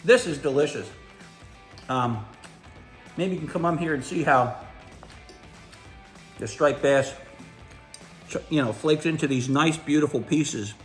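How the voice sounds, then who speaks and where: A middle-aged man hosts a casual outdoor vlog, tasting his cooking and praising it in a folksy, enthusiastic way. His voice sits a little high. The room echoes, and faint music plays underneath. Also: unhurried, pauses often. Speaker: host.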